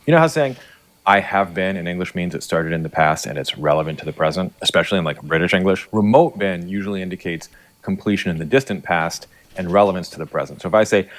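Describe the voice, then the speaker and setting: A man's voice: deep voice, fast talker. A man giving scripted educational narration as a linguistics explainer, articulate and academic, dropping in dialect examples.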